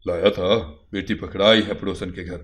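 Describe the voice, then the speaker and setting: A man voicing a worried middle-aged father who speaks gently, in a story. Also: low-pitched, fairly even intonation, voice pushed down, lightly acted. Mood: concerned. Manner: gentle, concerned.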